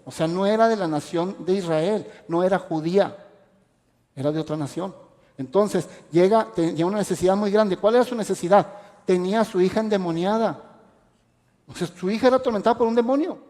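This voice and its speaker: Impassioned pastor. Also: male voice, high voice, brisk, warm tone. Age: adult parent. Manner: impassioned preaching with rhetorical questions. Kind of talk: radio sermon. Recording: echoey hall reverb.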